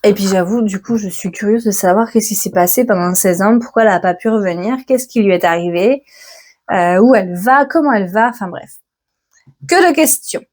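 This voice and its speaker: A woman's voice: medium pitch, fairly quick, a little mellow. A woman hosting a book channel, chatting casually and self-mockingly about upcoming releases while thinking aloud. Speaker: book vlogger. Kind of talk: casual chat about new books.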